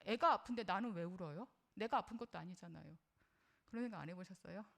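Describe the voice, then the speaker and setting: A woman's voice: on the low side, fast, vocal fry, fairly bright tone. Middle-aged woman, parenting lecturer, earnest and conversational, asks her audience questions. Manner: personal, shares her own experience as a mother.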